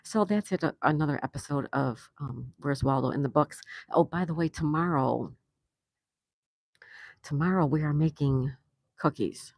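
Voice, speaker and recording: An older New York woman hosts a casual livestream from an outdoor patio, chatting, reading viewers' messages aloud and laughing often. Her voice is low and a little mellow at a normal speed, captured in studio quality with no echo.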